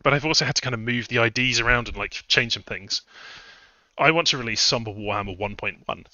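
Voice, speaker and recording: A man's voice: medium pitch, brisk, sharp tone, no room sound. Man, casual streamer talk, rambling with fillers, slightly out of breath, dull lo-fi mic. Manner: rambling, conversational, many fillers and restarts. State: a bit out of breath. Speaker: streamer and game modder. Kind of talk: casual live-stream explainer.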